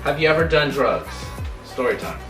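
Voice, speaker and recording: A man's voice: fairly high pitch, sing-song, moderate pace, far from the mic. Laid-back young man telling stories. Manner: laid-back, lots of "like" fillers. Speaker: vlogger. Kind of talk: casual storytelling. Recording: roomy sound from off the mic, music behind.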